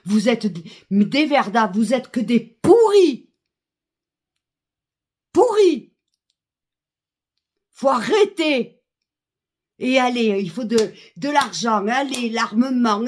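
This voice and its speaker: A woman's voice: on the high side, unhurried, a little hiss or hum. A woman in an indignant political rant, very angry, swearing and repeating herself. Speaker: citizen speaking out.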